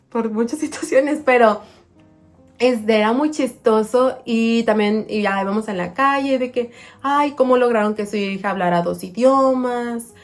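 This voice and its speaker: A woman chatting to viewers as a vlogging mother, slowing down to say words very clearly when she shows how she taught them. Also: fairly high pitch. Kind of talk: casual storytelling to viewers.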